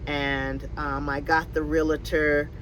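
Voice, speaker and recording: A Connecticut woman in her fifties casually fields viewer questions for her van-life vlog, rambling with lots of fillers and restarts, in or near her RV. Her voice is low and level, her pace slow. There's noise in the background.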